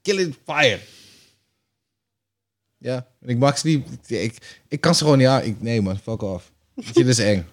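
A man co-hosting a podcast, talking in a casual, animated way, swearing and dropping English phrases. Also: mid-range voice, moderate pace, few pauses. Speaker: podcast co-host. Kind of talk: casual chat.

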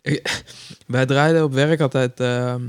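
A man's voice: mid-range voice, fairly even intonation, unhurried, clean tone. A man co-hosting a podcast, chatting casually with dry, blunt remarks. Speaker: podcast co-host. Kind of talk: casual chat.

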